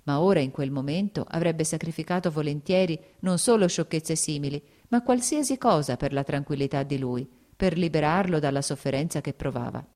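A woman narrating a classic novel as an audiobook in a measured, even reading. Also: deep voice.

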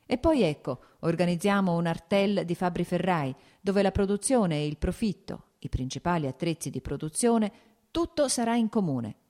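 A woman's voice: fairly low pitch, animated, moderate pace, lightly acted. A woman reading an angry agitated radical man. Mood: heated. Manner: agitated, shouting outbursts. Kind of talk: audiobook character reading.

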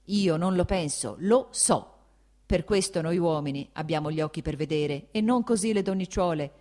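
A woman reading an audiobook, voicing an angry, blustering old prince who shouts and scoffs. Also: on the low side, normal speed, natural voice. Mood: scornful. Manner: shouting, scornful, mocking.

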